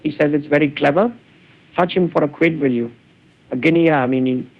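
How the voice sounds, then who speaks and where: A man's voice: fairly high pitch, moderate pace. A synthetic cloned man's voice reading the part of a boisterous, teasing young man, heard through a narrow phone-like band. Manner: hearty, teasing, theatrical.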